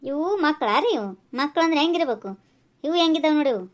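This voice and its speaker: A woman voicing a quick-tempered middle-aged village woman in a cartoon, speaking with a North Karnataka accent and scolding in rapid bursts. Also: high-pitched, expressive. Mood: indignant. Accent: North Karnataka Kannada. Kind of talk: cartoon voice acting.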